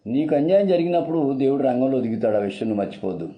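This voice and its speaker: A man's voice: mid-range voice, expressive, very fast, muffled recording. A man preaching a sermon in an earnest, repetitive, urgent style.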